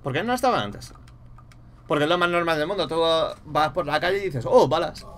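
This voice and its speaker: A young man with a Spain Spanish accent, commentating a horror game live, muttering to himself and bursting into loud startled swearing. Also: on the high side, animated, brisk. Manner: mutters quietly to himself between outbursts. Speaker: gaming streamer.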